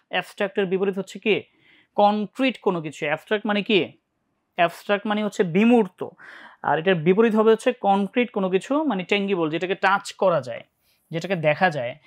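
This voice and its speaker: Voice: medium pitch, fast. Bangladeshi tutor checking in with students. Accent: Bangladeshi Bengali. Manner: checks in often, asks students questions. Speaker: English admission-test teacher. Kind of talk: live online class lecture.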